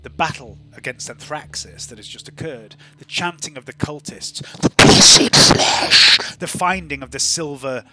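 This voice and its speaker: Man narrating with dramatic, measured phrasing. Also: medium pitch, lively intonation, bright, forceful tone, a little hiss or hum. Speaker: game master. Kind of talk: tabletop game narration. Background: faint music.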